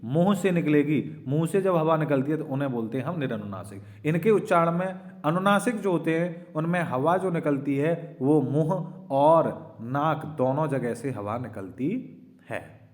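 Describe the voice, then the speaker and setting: A man's voice: fairly high pitch, lively intonation, measured pace, darkish tone. A man teaching an exam-prep lesson, patiently explaining and sounding out vowels, often asking "right?" and calling his students children. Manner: demonstrates vowel sounds aloud.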